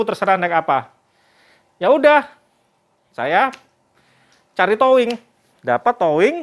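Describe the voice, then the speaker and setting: A man vlogger telling a story in a casual, chatty way and addressing his viewers directly. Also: a little high. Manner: religious greetings and expressions.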